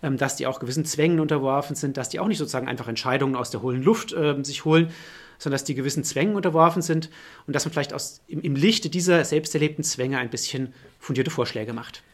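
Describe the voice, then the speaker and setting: A man's voice: medium pitch, fast. A middle-aged man, a political science professor, answering interview questions and thinking aloud with many fillers and restarts.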